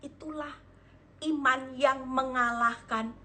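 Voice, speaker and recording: Woman evangelist, high voice, firm emphatic sermon. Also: steady tone, takes it slowly, sharp tone. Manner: emphatic, firm preaching with dramatized dialogue; addresses listeners as saudara. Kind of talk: sermon on Instagram live. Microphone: phone on live stream.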